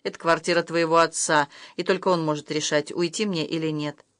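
A woman's voice: low-pitched, steady tone, a little fast, a bit bright, no room sound, clean studio sound. A woman reading the lines of a distressed young stepmother, reproachful and emotional, her voice rising when upset. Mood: shaken.

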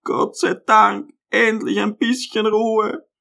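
A male narrator voicing a frail, anxious old mother who clings to her view with childish stubbornness, speaking slowly in a quavering voice. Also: high-pitched, flat delivery, vocal fry, bright, forceful tone, pitched above the performer's own voice, heavily acted. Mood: weary. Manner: slow, fretful and sighing.

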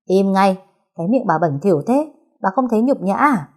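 A woman's voice: on the low side, animated, normal speed. A woman reading an audio story, voicing a furious, spiteful young woman who hurls insults. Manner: shouting insults, venomous.

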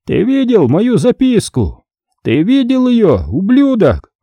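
A man voicing a vengeful male killer who taunts his victim in a slow, drawn-out, menacing way. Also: high voice, wildly swooping pitch, warm tone, husky, no echo, muffled recording, voice pushed up, full character voice.

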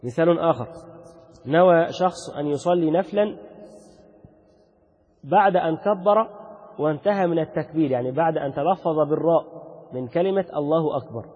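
Husky-voiced Egyptian teacher of religious law. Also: male voice, a little high, a little fast, long pauses. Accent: Egyptian Arabic. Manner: explanatory, asks questions and answers them himself. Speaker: Islamic jurisprudence teacher. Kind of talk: religious lesson. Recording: dull lo-fi recording with long reverb.

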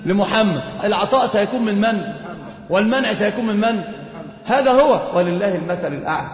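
Fast-talking man lecturing in echoey hall. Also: sits high. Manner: questions students and answers himself. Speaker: Islamic teacher. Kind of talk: classroom lecture on creed. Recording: echoey hall, dull lo-fi sound.

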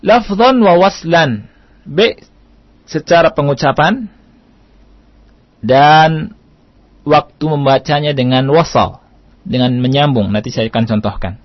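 An Indonesian man gives a radio lesson on recitation rules, speaking at an unhurried, deliberate pace in a mid-range voice. He patiently repeats key points and sometimes slows into a careful chant. The broadcast is dry and a little muffled.

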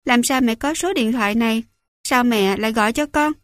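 A woman reads a scared young soldier, pleading and high-pitched, dry close sound. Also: no echo, natural voice. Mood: anxious. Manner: pleading, rushed questions. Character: anxious young man, a soldier cook on the phone.

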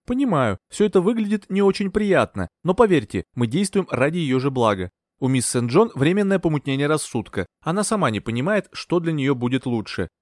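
A man reading an audiobook, voicing a calm, condescending male psychiatrist in an unruffled professional tone. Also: a little high, a little fast, dry recording, studio quality, pitched above the performer's own voice. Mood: soothing. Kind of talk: audiobook character voice.

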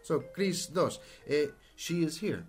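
A man leads an English lesson on the radio, prompting students and laughing between drills. His intonation swings up and down lively. Faint music plays behind him in the studio. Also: fairly high pitch, slow pace. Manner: playful, prompting, laughs often. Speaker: radio English teacher and host.

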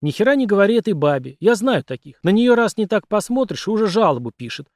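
A man's voice: sits high, sing-song, quick pace, a little mellow, dry recording, clean studio sound, voice pushed up. A man voicing a tough, blunt male police officer who gives his partner orders in an audiobook. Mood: urgent. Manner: gruff, commanding, blunt. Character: tough, determined male street cop.

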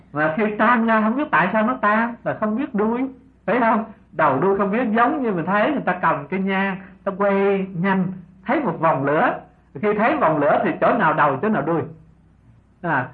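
Older man, Buddhist monk, rhetorical questions, animated intonation, phone-like lo-fi sound. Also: high voice. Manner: unhurried, asks rhetorical questions, chuckles softly. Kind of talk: dharma talk sermon. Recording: tinny lo-fi old recording.

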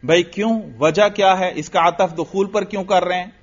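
A man's voice: sits high, steady tone. A man teaching Arabic grammar in a classroom lecture, asking his students questions and answering them himself, reading Arabic text aloud and then explaining it. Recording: dull lo-fi lecture recording.

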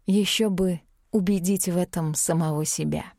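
A woman narrating an audiobook in an even, clear storytelling manner. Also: on the low side, moderate pace, no room sound, clean studio sound.

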